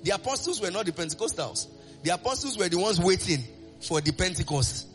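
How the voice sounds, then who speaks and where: A man preaching a sermon, animated and sing-song, asking the congregation call-and-response questions. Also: sits high, fairly quick, soft background music.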